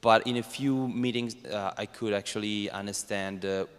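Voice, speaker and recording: Smooth, lowish Italian-accented man in a hall. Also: fairly even intonation, moderate pace. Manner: hesitant, searching for words. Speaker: startup founder on a panel. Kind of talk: informal spoken panel answer. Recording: reverberant hall.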